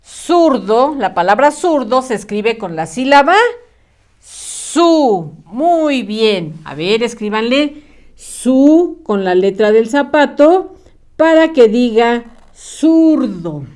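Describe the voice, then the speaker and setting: A woman's voice: fairly high pitch, animated, darkish tone. A woman teaching a children's spelling lesson, encouraging and drawing out each syllable. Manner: slow, encouraging, drawn-out syllables.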